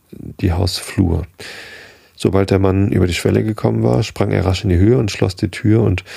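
A man narrating a literary story in a measured, steady storytelling voice. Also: low voice, creaky, slightly rough, no room sound, clean studio sound. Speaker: audiobook narrator.

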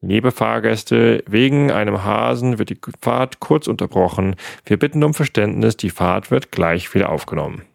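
A man voicing a slow, formal male train announcer in a bedtime story. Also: lowish voice, vocal fry, no echo, clean studio sound.

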